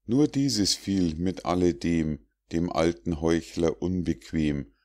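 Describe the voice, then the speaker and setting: A man narrating rhymed fables as an audiobook reader, in a measured, recitative verse delivery. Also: deep voice, a little mellow.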